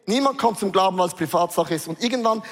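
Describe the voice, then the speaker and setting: High-voiced preacher, hall reverb. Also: male voice. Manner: animated, acts out inner voices, shifts between fast and drawn-out phrases. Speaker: pastor. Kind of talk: lively sermon. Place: large church hall.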